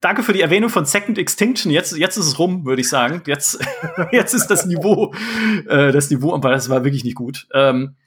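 A man's voice: a little high, lively intonation, fairly quick, a bit bright, husky. A man hosting a podcast, enthusiastic and exclamatory in casual conversation. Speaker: podcast host.

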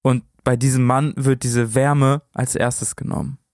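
A man's voice: mid-range voice, little pitch movement, unhurried, darkish tone, a little hiss or hum. A man telling stories as a podcast co-host, in a conversational narrating style.

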